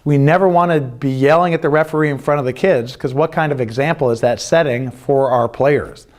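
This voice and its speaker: Talking a little fast in a mid-range, slightly mellow voice, a middle-aged American youth lacrosse coach presents the rules for the club he represents. The delivery is earnest and plain-spoken, with his key points stressed and said more than once.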